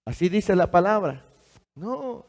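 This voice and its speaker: A man's voice: fairly high pitch, expressive, slow pace, a little mellow. A man preaching a sermon, emphatic and full of rhetorical questions to his congregation in a church hall. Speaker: pastor. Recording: long hall reverb.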